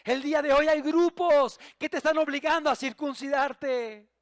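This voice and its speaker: A male pastor, preaching an impassioned sermon that swings from loud emphasis to hushed low asides. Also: fairly even intonation, moderate pace, no room sound, studio quality.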